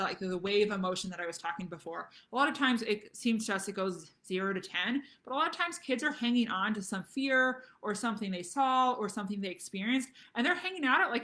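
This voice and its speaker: A woman's voice: medium pitch, bright, forceful tone. A young adult woman, a pediatric nurse practitioner, giving conversational parenting advice and often checking in with "okay?".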